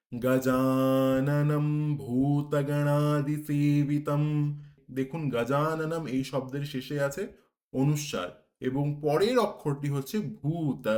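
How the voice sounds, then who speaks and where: A man with a Bengali accent teaching Sanskrit pronunciation, explaining syllable length and slowly chanting lines of a verse. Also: medium pitch, darkish tone. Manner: slow, drawn-out recitation of verse lines between brisk explanations.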